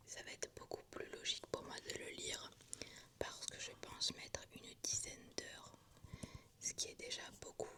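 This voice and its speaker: A woman presenting books in a soft, hushed ASMR whisper, like someone whispering in a library. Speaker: book vlogger presenting a reading list.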